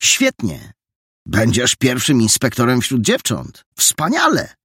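A bossy, self-assured boy detective, put on by a man in a storybook reading, lecturing his friends with lively, bouncing intonation. The voice sits higher than the narrator's own, with a husky, slightly gravelly grain. The sound is dry and close. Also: slow pace, no room sound, heavily acted. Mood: brisk.

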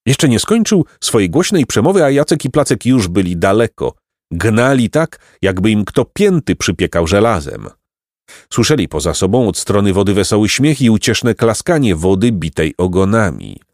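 A man reading a children's story aloud in an animated storytelling manner. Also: fairly low pitch, normal speed, no room sound, clean studio sound. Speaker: narrator. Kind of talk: scripted children's story narration.

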